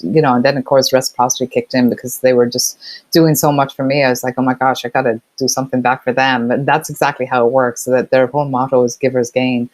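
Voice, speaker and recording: In a dry recording with poor audio, a middle-aged woman from Ireland speaks in a bass voice, her Irish accent touched by Boston. She's a guest and partnerships expert, chatting easily in a casual interview and using many fillers.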